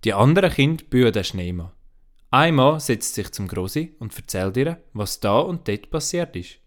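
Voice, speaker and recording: A man reads a children's story aloud. His mid-pitched voice swings up and down in a lively, expressive storybook lilt. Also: normal speed.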